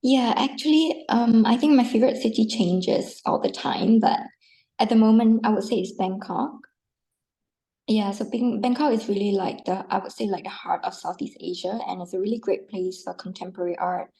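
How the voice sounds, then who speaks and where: A woman from Singapore talks as a podcast guest in a relaxed, friendly manner. Her voice is mellow and dark, with a gravelly fry, and she leans on casual fillers. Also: medium pitch, moderate pace. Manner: friendly, uses filler like and you know. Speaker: guest, art publisher. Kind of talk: conversational interview.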